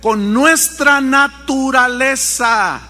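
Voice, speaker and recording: A man's voice: extremely high pitch, very slow, long reverb tail. A male pastor with a Mexican Spanish accent, preaching a sermon and telling a story with acted-out voices. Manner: animated storyteller, acts out voices.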